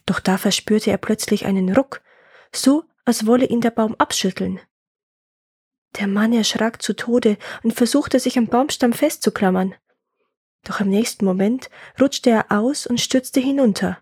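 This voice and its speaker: A woman reads a legend in a calm, measured storytelling voice, her tone slightly gravelly and husky. The recording is close and dry, with no room sound. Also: a little high, dry recording. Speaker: storyteller and podcast host. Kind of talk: scripted fairy-tale narration.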